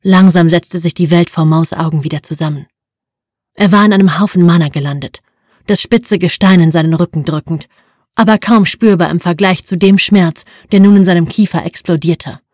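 Audiobook narrator, female, low register, steady storytelling, dry booth sound. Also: normal speed, no room sound. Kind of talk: scripted narration.

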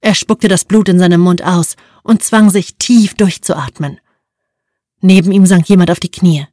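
A woman with a lowish voice reads a tense fantasy audiobook in measured, vivid narration. The recording is close and dry, with no room around it. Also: steady tone, warm tone, no room sound. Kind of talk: scripted narration.

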